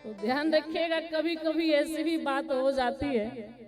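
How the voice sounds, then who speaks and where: A woman with a high voice preaches a devotional sermon, telling a homely story in a lively storyteller's manner. Instrumental music plays clearly behind her. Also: unhurried. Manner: storytelling, breaks into singing chaupai. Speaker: Ram Katha preacher. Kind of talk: devotional sermon with sung verses.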